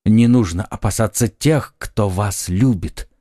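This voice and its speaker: A man's voice: fairly low pitch, a little slow, mellow, no room sound, clean studio sound, natural voice. Brief: narrator as a passionate young nobleman; insistent, earnest; audiobook. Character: ardent young male nobleman and swordsman. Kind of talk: audiobook acting.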